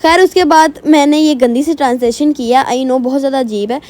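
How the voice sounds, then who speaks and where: A woman's voice: high voice, brisk, a little mellow. A young woman giving a casual, self-mocking voice-over for her makeup routine, rambling and chatty. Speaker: beauty vlogger. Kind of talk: casual get-ready-with-me voice-over.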